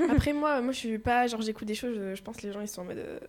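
A woman's voice: on the high side, fast talker, darkish tone, slight background noise. Slangy, enthusiastic young-sounding woman guest. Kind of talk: casual chat.

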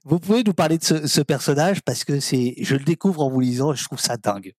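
A man hosting a talk show, speaking in a relaxed, chatty way with lots of fillers. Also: on the high side, brisk, no echo, clean studio sound. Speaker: host. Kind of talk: casual talk-show chat.

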